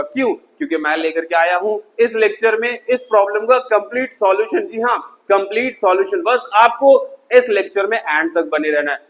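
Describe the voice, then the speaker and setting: A man teaching English pronunciation at a board in an energetic video lesson, repeating words for emphasis. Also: high voice, poor audio.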